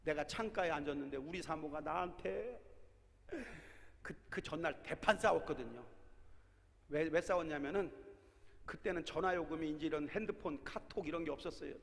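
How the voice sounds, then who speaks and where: A man in his sixties, a pastor preaching a sermon, telling stories and breaking into shouted exhortations, in a large prayer hall. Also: a little high, a little fast, gravelly. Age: 60s. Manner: animated storytelling with shouted exhortations. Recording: long reverb of a large hall.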